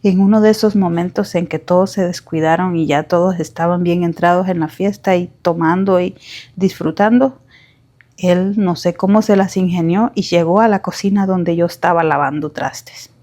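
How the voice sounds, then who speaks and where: A woman's voice: lowish voice, steady tone, normal speed, dark tone. A woman telling her own life story in the first person, heartfelt and a little hesitant.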